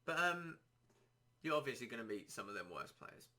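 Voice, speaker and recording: A man hosting a casual solo podcast, rambling and self-deprecating, his throat a little dry and hoarse. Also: mid-range voice, sing-song, normal speed, sharp tone. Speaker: podcast host.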